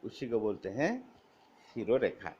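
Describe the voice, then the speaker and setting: A man teaching Hindi vowel signs to schoolchildren, slowly spelling out each sign and reading word lists aloud one word at a time. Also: fairly low pitch, a little mellow, a little hiss or hum. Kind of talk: Hindi grammar lesson for children. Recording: dull lo-fi recording.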